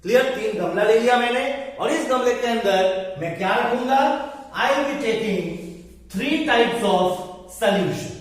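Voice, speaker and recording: A man's voice: extremely high pitch, slow. A male teacher giving a lesson, constantly checking that his students understand and spelling out English phrases word by word. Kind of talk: classroom lecture. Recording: echoey hall from far off.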